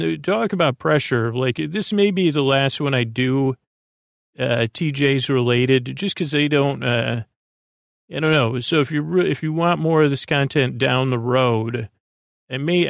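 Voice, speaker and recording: Speaking into a close, dry podcast microphone, a man hosts a bedtime sleep podcast with a soothing, rambling monologue. His mid-range voice is creaky and gravelly, and his halting thoughts wander and frequently trail off unfinished. The studio-quality recording is dry.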